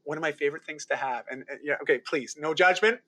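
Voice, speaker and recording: Canadian man, energetic guest, bright slightly high voice. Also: fast. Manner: energetic, laughs often, animated. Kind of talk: casual podcast interview.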